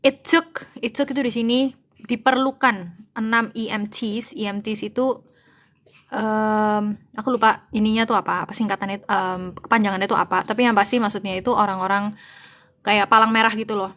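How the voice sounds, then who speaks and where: Speaking at a normal speed with fairly even intonation, this woman has a mid-range voice that is a bit bright. As an online English-to-Indonesian tutor, she reads from a novel in English and translates each line into Indonesian. Her talk is casual and full of thinking aloud and word searches, with English and Indonesian mixed freely.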